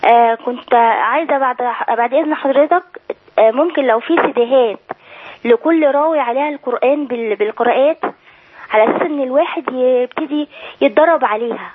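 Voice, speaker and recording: A woman's voice: high-pitched, fast, slightly rough. A woman with an Egyptian accent calling in to a show, polite and hesitant, repeating herself as she speaks. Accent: Egyptian Arabic. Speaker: phone-in caller. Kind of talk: polite phone call to a broadcast. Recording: tinny phone line.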